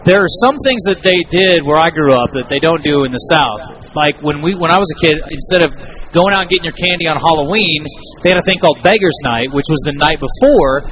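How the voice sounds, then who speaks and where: A man's voice: a little high, lively intonation, brisk, hardly any pauses, background noise. A man co-hosting a live radio show, chatting casually and telling a joking story. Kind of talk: casual on-air chat.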